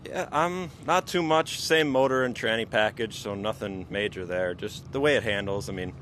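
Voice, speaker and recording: Lower-voiced driver, casual and halting. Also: male voice, a bit bright, a little hiss or hum. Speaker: race driver. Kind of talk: trackside interview.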